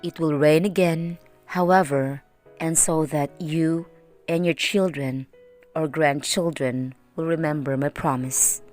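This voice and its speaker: A woman voicing a solemn, kindly God making a promise in a children's storybook, measured and reassuring. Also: low-pitched, fairly even intonation, a little mellow, soft background music.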